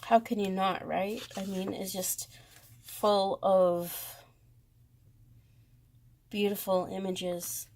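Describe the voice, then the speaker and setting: A woman with a Boston accent, talking slowly through a tarot deck comparison with many pauses and fond praise. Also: mid-range voice, level tone, a little mellow. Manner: slow, hesitant, lots of ums, gushing. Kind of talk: casual deck walkthrough.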